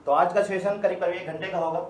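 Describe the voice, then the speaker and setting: A man's voice: high voice, steady tone, fast talker, slight background noise. A man giving a live motivational training session to his team, telling stories and asking rhetorical questions. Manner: storytelling, rhetorical questions, emphatic. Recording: echoey room, faint ambience.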